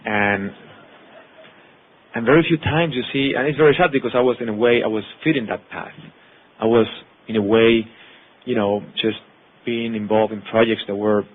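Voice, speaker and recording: A Mexican man in his thirties, a native Spanish speaker with a Mexican accent, gives an earnest personal testimony to an audience as an actor and producer. His medium-pitched voice is slightly rough, and he rattles off words in long runs. The sound is tinny, like a phone.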